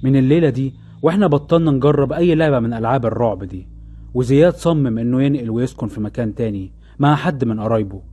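A man's voice: mid-range voice, fast, warm tone, breathy edge. A man with an Egyptian accent narrating scripted first-person horror stories in a suspenseful storytelling manner. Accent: Egyptian Arabic. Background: music under the voice.

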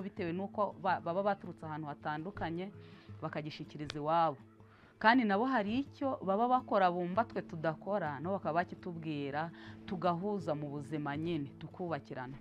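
A middle-aged Rwandan woman talks steadily and earnestly in a slightly low voice. The audio is a bit dull and soft music plays under her words. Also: fast talker. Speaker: community health worker. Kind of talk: interview testimony. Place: outdoors in a village.

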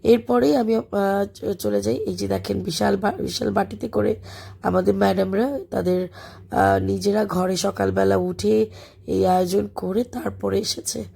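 Hoarse woman narrating a vlog voice-over. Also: medium pitch, fairly even intonation, unhurried. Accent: Bangladeshi. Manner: chatty, warm about the children, frequent fillers. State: hoarse, voice gone from illness. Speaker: schoolteacher and vlogger. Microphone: voice-over recorded separately.

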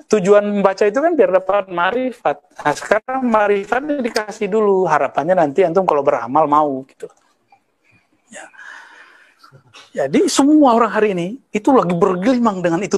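A man in his thirties from West Sumatra, an Islamic preacher giving a conversational study lecture with Arabic terms and teasing asides. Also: sits high. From West Sumatra, Indonesia. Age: 30s.

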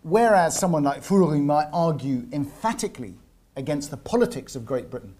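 A man giving an academic seminar lecture at a university, often pausing and repeating words as he searches for the right phrasing. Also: fairly high pitch, expressive, mellow. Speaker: visiting lecturer.

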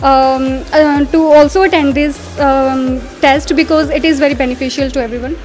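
A young woman student answering hesitantly, with frequent pauses, into a handheld mic. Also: high voice, steady tone, a little mellow, faint music behind. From India. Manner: hesitant, many fillers and restarts. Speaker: student test-taker. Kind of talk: vox pop answer. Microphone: handheld microphone.

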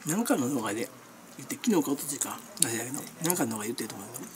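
A woman's voice: extremely low pitch, animated, rapid-fire. A middle-aged woman from Kansai talks in a loose, meandering way, her voice rising and falling a lot as she chats. Her Kansai accent colours every phrase, and her talk is full of fillers and small laughs. A faint hiss of noise sits under the recording. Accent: Kansai Japanese. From Kansai, Japan. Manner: chatty, meandering, refers to herself by nickname, frequent laughs and fillers. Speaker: vlogger. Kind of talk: rambling casual chat.

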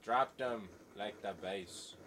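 A man chatting and trash-talking excitedly while playing a shooter game with a friend, yelling at every kill and death. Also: lowish voice, takes it slowly. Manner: excitable, yells and trash-talks during play. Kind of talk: casual gaming chatter. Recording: noisy game sound behind the voice.

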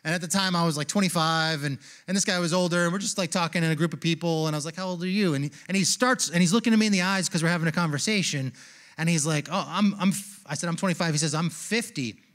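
On a church stage, a pastor in his forties delivers a sermon into a handheld mic, his voice a little high and his pace quick. He tells stories conversationally, at times growing hushed and reflective.

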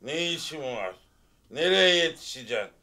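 A man's voice: fairly high pitch, animated, moderate pace, pushed and bright. A man in a sitcom playing a lazy, overfed friend, drawling silly ideas and groaning. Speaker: lazy, full friend musing after a meal. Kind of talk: sitcom comedy acting.

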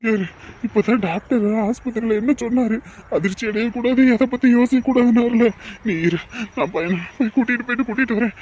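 A man's voice: very high-pitched, brisk, a little mellow, lo-fi sound, slight background noise. A man playing a stern, bossy village father. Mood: firm. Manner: scolding, blunt and commanding. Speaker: actor in a village family drama. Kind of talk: short-film drama acting.

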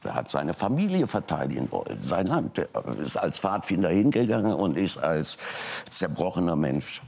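An older man, a talk show guest, telling a personal family story and acting out the people he quotes. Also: normal speed. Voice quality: very deep, gravelly and husky. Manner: animated retelling, voicing quoted people.

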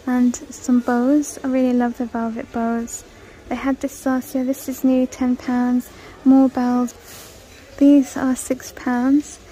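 A woman's voice: high voice, dark tone, rough recording. Chatty woman touring a shop. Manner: chatty, listing prices, easily delighted. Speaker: shopping vlogger. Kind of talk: casual shop-with-me walkthrough. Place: large indoor retail store. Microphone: handheld phone camera.

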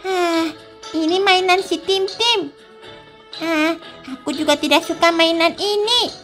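A woman's voice: very high voice, takes it slowly, a bit bright, soft background music, exaggerated voice. Woman doing a whiny jealous toddler boy. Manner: whiny, childish.

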